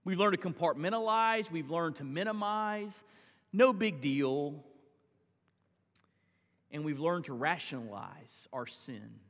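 A man preaches a live Sunday sermon as senior pastor in a church sanctuary, explaining scripture earnestly and putting pointed questions to the congregation. His voice is on the high side, expressive and fairly bright, at normal speed with few pauses. Long church reverb colors the recording.

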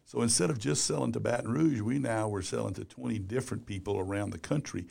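A gravelly older man in his sixties, a publisher looking back on his career in an easygoing interview. His voice sits fairly low, and he rambles loosely, filling the gaps with "you know". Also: fast talker, darkish tone. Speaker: business publisher and columnist. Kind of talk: casual interview talk.

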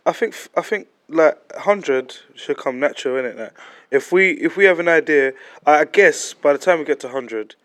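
Male podcast co-host, young, London roadman accent, lighter higher pitch, casual street slang with emphatic repetition. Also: normal speed, hardly any pauses. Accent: London, urban street slang. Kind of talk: casual group chat.

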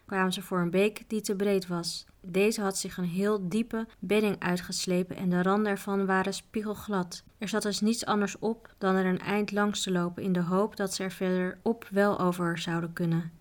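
Female storyteller for a read-aloud book; calm, even, little pitch movement. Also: moderate pace, hardly any pauses. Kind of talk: reading a children's book aloud.

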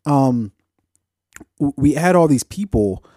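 A man's voice: mid-range voice, animated, slow, warm tone, dry recording, studio quality. A man chatting casually as a podcast co-host, blunt and profane, often checking that the listener follows. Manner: blunt, profane ranting with frequent check-in tags. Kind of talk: casual opinionated podcast chat.

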